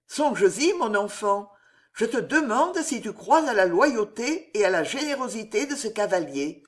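A woman voicing a noble mother who questions her daughter gently and then speaks with quiet firmness, in a read-aloud historical novel. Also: medium pitch, sing-song, moderate pace, close to an everyday voice. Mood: firm. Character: noble mother, tender yet firm.

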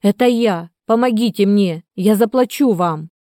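A woman's voice: mid-range voice, measured pace, mellow, dry recording, studio quality, natural voice. A woman voicing a desperate man who pleads in a raised, urgent voice. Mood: pleading.

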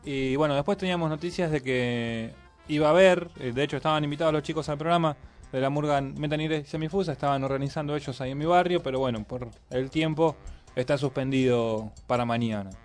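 A man with a slightly raised pitch reads out local news and cracks wry asides on community radio. Soft music runs low behind him. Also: a little fast. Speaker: radio host. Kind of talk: casual radio chat.

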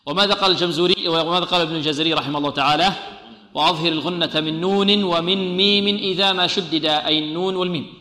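A man teaching Quran recitation rules. He asks questions and answers them himself, drawing out sounds slowly to demonstrate them. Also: high voice, pushed and bright. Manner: slow drawn-out demonstration of sounds. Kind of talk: tajweed lesson. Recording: echoey hall with long reverb.

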